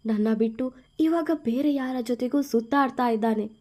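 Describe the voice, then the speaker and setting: A woman voicing a tearful, angry young wife who speaks loudly and emphatically. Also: fairly high pitch, normal speed, natural voice. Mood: upset, angry. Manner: loud, emphatic, pleading.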